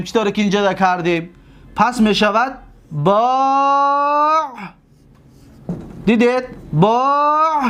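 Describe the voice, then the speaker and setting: A man with a Tajik accent teaching a grammar lesson, repeating word forms and asking his pupils if they follow. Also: high voice. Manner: repeats forms and asks pupils checking questions. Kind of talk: recorded lesson on Arabic grammar.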